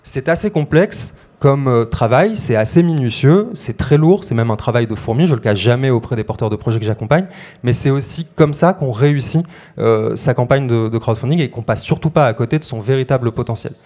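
A man's voice: medium pitch, expressive, a little fast, warm tone. A man coaching project creators, talking them through steps with many hesitations and rhetorical questions. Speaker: crowdfunding coach. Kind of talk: explanatory talk to creators.

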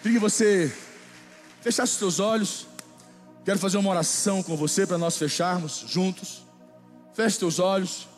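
A man with a Brazilian Portuguese accent preaching a sermon, telling a lively story and then leading a slow prayer. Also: high-pitched, in a large hall, faint music behind. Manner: animated storytelling, turning slow and solemn in prayer. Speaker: pastor.

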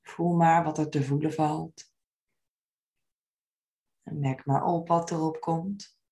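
She takes it slowly, guiding a meditation in a soft, calming voice that sits low and holds very even. Each phrase comes out gently and without haste, ending on a slight creak.

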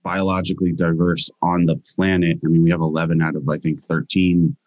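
A man's voice: deep voice, flat delivery, brisk, darkish tone, no echo, lo-fi sound. A young Hawaiian man answering interview questions casually as a guest scientist, with frequent restarts and fillers.

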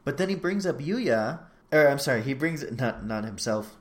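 A man's voice: medium pitch, normal speed. A man chatting casually on a podcast, retelling a scene and acting out both people's lines. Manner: animated retelling, acting out both sides of a conversation. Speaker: podcast co-host. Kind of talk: casual chat recapping a reality show.

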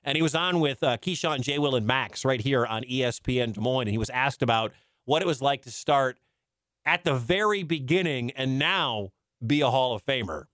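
A man's voice: medium pitch, lively intonation, normal speed, a bit bright, dry recording, studio quality. A man hosting a sports radio show, telling stories in a chatty, casual way and laughing often. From Detroit, grew up in Wisconsin. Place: radio studio.

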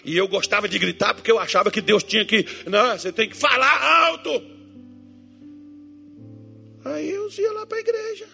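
A man's voice: extremely high pitch, normal speed, gravelly, pauses often, pushed and bright, faint music behind. A man preaching a joking sermon as pastor, teasing his congregation and acting out Bible figures and churchgoers in different voices.

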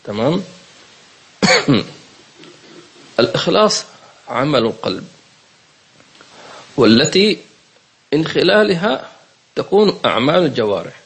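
A man's voice: fairly high pitch, big pitch swings, unhurried, long pauses, husky. A man teaching a religious lesson, asking questions, repeating key words and checking that listeners follow. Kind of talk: lesson commentary on a religious book.

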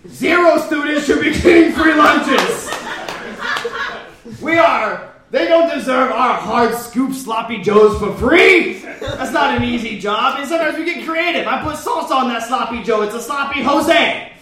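Guy doing a sassy campy lunch lady standup bit, loud n self-righteous, really high voice, super echoey. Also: moderate pace, a crowd in the background. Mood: indignant, brash. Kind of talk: live character comedy monologue. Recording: very echoey live room, distant mic.

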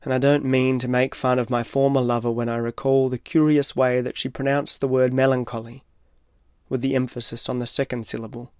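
A man reading his own reflective, literary personal essay as scripted narration, in a measured way. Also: medium pitch, flat delivery, clear, resonant tone, no echo, clean studio sound. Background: soft guitar music.

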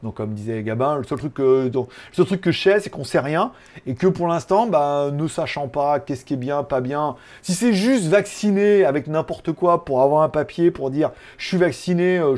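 A man from France hosts a casual tech live stream, rambling and joking as he answers viewers. His voice sits a bit high for a man, and he keeps breaking off with fillers and chuckles. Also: animated, normal speed, a little mellow. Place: home in Thailand.

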